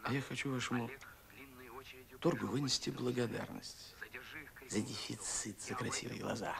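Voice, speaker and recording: An actor playing a wry, pestering worker at a shop counter in a Soviet film. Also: male voice, medium pitch, steady tone, normal speed, vocal fry. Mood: teasing. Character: wry, pestering male worker trying to charm shop clerk. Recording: old film soundtrack, background chatter.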